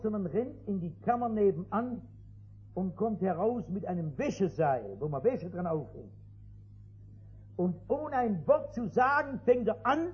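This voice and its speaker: An older male pastor preaches to a seated congregation, telling his stories with emphasis and swelling into loud, urgent appeals. His voice sits high for a man and has a husky edge. The recording is dull and lo-fi. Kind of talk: evangelistic sermon. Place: before a seated congregation in a meeting hall.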